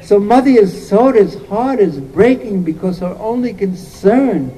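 A man's voice: sits high, animated, unhurried, warm tone, a little hiss or hum, low-quality recording. A man preaching a sermon, retelling a sacred story in an earnest way and repeating phrases as he goes.

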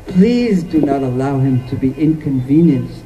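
Guy voicing a worried loving mom begging for her son, slow and soft-toned. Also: mid-range voice, lively intonation, lo-fi sound, soft background music, voice pushed down, close to an everyday voice. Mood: pleading. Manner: pleading, heartfelt storytelling quotes. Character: anxious loving mother Yashoda, tender and pleading.

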